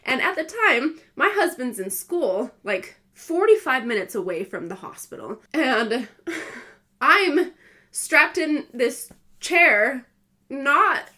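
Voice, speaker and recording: A woman's voice: sits high, slow. A young woman vlogger telling her own birth story casually, laughing often and acting out what others said. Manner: animated, laughing often, acting out quoted voices.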